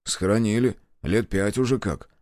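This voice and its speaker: A man's voice: fairly low pitch, moderate pace, a little mellow, no room sound, natural voice. Stiff young traffic cop, read by a male narrator, curt and official, dry close sound. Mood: stern.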